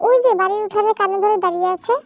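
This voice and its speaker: A woman's voice: very high voice, steady tone, rapid-fire, creaky, dry recording, voice pushed up. A woman doing a whiny little girl bride. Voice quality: whiny, insistent questioning. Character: bratty little girl bride, naive and chatty.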